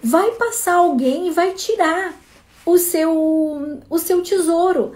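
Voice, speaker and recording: A woman's voice: on the high side, normal speed, warm tone, natural voice. A woman voicing a restless, stuck man who goes looking for God, speaking urgently in a told parable. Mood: excited.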